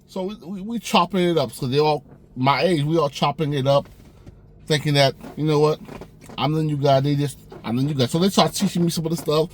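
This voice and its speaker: A young man casually telling a personal story, animated, acting out the dialogue with a raised voice. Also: on the high side, fairly quick, slight background noise. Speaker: storyteller vlogger.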